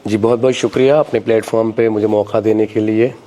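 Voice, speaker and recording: A man's voice: fairly low pitch, steady tone, quick pace, mellow. A man answering as an interview guest, speaking emphatically and posing rhetorical questions.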